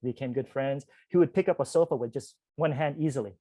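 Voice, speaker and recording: This spiritual teacher, a forty-year-old man guesting on a podcast, chats animatedly through a personal story at a quick clip in a mid-range voice. The recording has no room sound, and his talk is sprinkled with "like" and "you guys" as he often addresses listeners directly.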